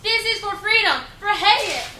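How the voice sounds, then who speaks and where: A woman's voice: high-pitched, moderate pace, pushed and bright. A woman playing a defiant young female anti-war activist, declaiming impassioned speeches. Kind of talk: dramatised historical speech. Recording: echoey room with faint background noise.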